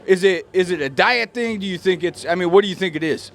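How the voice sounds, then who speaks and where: A man's voice: high voice, fast talker, gravelly, fairly bright tone. A man doing a casual sports interview in an informal, chummy way. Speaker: interviewer, former fighter.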